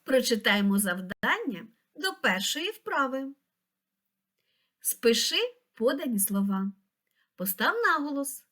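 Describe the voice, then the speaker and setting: A woman reading a scripted lesson for young children, pronouncing each word slowly and clearly. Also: a little high, very animated, bright, forceful tone. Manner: slow, clear, pronouncing words syllable by syllable. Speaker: teacher.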